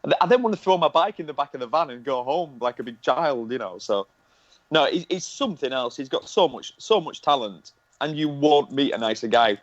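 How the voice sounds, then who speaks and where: A man's voice: medium pitch, expressive, brisk, no room sound. A man with a Lancashire accent hosts a podcast chat. He talks in self-mocking, teasing banter. The recording is dry and a little dull. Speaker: podcast host. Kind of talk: casual chat.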